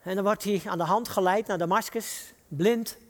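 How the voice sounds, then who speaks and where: Dutch preacher in an echoing hall. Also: male voice, high voice. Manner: reads scripture quotes with slow dramatic rises. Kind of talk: sermon.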